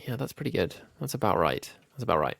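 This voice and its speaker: A man's voice: on the low side, big pitch swings, quick pace, creaky, fairly bright tone, dry recording. A man with a nasal, slightly ill voice, thinking aloud with frequent ums while walking through a design tutorial. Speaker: YouTube growth coach. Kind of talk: screen-recorded design tutorial.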